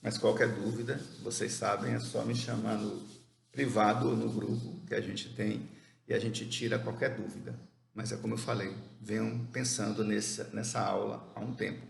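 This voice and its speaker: Gravelly-voiced man teaching grammar in an echoey room. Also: lowish voice, flat delivery. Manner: explains step by step, asks and answers his own questions; reads English examples slowly and carefully. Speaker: English teacher. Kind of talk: grammar lesson. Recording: echoey room with faint background noise.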